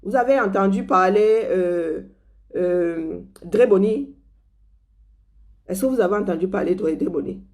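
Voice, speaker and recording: A woman's voice: mid-range voice, a little mellow. A woman from Cameroon with a Cameroonian French accent, delivering a sarcastic, scornful political commentary.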